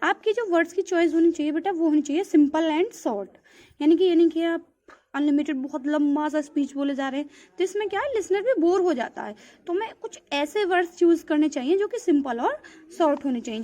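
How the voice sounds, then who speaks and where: This school teacher, a woman with a high, mellow voice, explains material from a textbook in a classroom lecture. She mixes English terms into her Hindi, calls her students "beta," and often repeats "theek hai."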